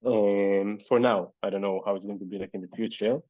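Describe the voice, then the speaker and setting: A native Hebrew speaker hosts a casual online panel Q&A in Hebrew-accented English, reading out audience questions. His lowish, mellow voice stays steady and moves a little fast, and he thinks aloud hesitantly, full of fillers. The lo-fi recording carries no room sound.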